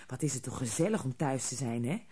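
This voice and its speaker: A woman voicing an excitable little boy rabbit in a children's storybook. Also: a bass voice, a little fast, breathy edge, full character voice. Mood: wistful. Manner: eager, exclaiming.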